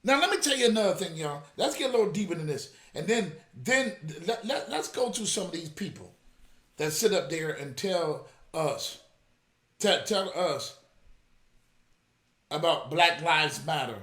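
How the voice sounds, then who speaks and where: Fired up preacher dude scolding his viewers, high swooping voice, roomy echo. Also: lively intonation, measured pace, fairly bright tone. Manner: fiery, scolding, addresses audience as y'all. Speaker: apostle and show host. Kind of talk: reaction commentary.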